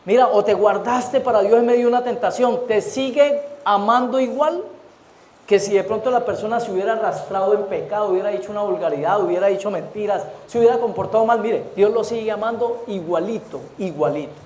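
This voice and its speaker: A Colombian pastor preaches a sermon in an echoey church hall, his high, darkish voice moving fairly quickly. He frequently puts rhetorical questions to the congregation and waits for their replies.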